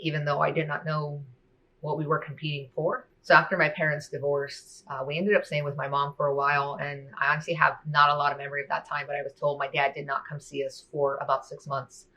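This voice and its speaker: A woman sharing a personal faith testimony in a soft-spoken, reflective way, often saying "you know" and "like.". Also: low-pitched, poor audio.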